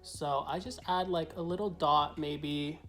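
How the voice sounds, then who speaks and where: A man's voice: on the high side, steady tone, a little slow, fairly bright tone, faint music behind. A man who is a drag queen vlogger, talking through a tutorial to camera in a chatty, meandering, explanatory way. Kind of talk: casual tutorial talk to camera.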